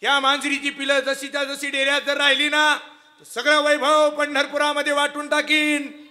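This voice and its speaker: A man voicing a young village girl loudly pleading with her father in a devotional story. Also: monotone, normal speed, in a large hall, exaggerated voice. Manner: high, loud, pleading cries.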